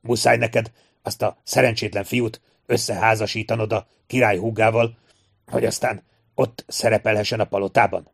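Man doing a gruff scolding old man. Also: fairly low pitch, flat delivery, a bit bright, heavily acted. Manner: snorting, scolding.

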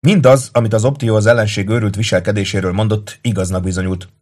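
A man reading a war novel aloud as narrator, steady and dramatic. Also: lowish voice. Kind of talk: audiobook narration.

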